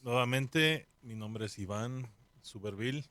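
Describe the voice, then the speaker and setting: A man from Mexico, chatting casually on a podcast in a relaxed way, sometimes searching for words. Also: mid-range voice, measured pace, no echo. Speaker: podcast co-host.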